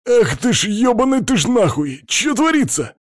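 A man voicing a furious, hysterical male hamster-like alien who yells shrilly and swears. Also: very animated, normal speed, no echo, studio quality. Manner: shrill, hysterical, foul-mouthed yelling.

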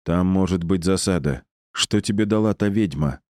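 A stern middle-aged colonel weighs each word deliberately, as a man reading an audiobook voices him. The voice sits very low and dark, in a dry, close sound. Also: no echo, natural voice. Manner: measured and deliberate.

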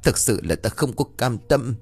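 A man voicing a grieving middle-aged rural uncle with a husky, gruff manner. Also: medium pitch, lively intonation, normal speed, a little mellow, faint music behind. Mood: mournful.

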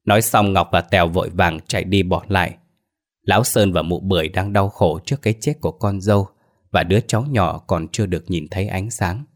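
Low-voiced man telling a horror story.

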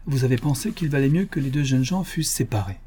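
A man's voice: mid-range voice, animated, quick pace, mellow, breathy edge. A man voicing a haughty, scheming aristocratic mother who talks in a sugary, insistent, lofty tone, reading an audiobook novel. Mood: pleading, wheedling.

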